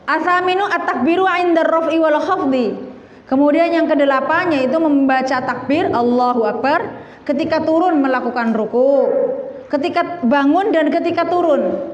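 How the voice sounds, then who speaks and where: A woman, teaching a religious lesson on a classical text. Her voice sits fairly high. She recites Arabic lines and then explains them in plain terms, and the sound comes dull and lo-fi with a long echo from a large hall. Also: a little mellow. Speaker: Islamic teacher.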